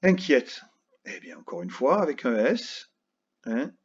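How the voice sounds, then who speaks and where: A male primary school teacher giving a recorded grammar lesson to children, speaking slowly and patiently and spelling words out letter by letter. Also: medium pitch, sing-song, breathy edge, lo-fi sound.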